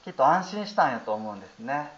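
Kansai-accented Buddhist priest, male, 30s, soft storytelling dharma talk, roomy and a bit muffled. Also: medium pitch, big pitch swings, fast. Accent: Kansai Japanese. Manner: gentle, storytelling, many fillers. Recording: roomy, slightly dull audio.

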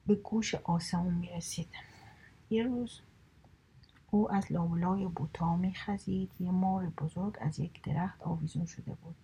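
A woman reads children's stories aloud in a soft delivery that often drops toward a whisper. Her voice is very husky and gravelly, with a dark, mellow tone. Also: on the low side, poor audio. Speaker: storyteller. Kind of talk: children's story reading.

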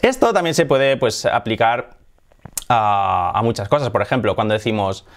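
A man's voice: lowish voice, animated, normal speed. A man with a Spanish accent from Spain giving a casual lesson, chatty and laughing often, lifting his voice to model phrases. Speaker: English teacher.

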